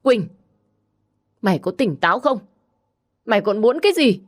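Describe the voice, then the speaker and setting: A woman's voice: sits low, a little slow, a little mellow, no room sound, studio quality. A woman voicing a distraught middle-aged mother who scolds and pleads with her daughter in an audio story. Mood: angry.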